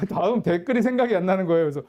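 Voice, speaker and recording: A man's voice: high voice, lively intonation, racing, darkish tone. A man in his forties, a pastor and counselor, telling a personal family story in a candid, conversational sermon.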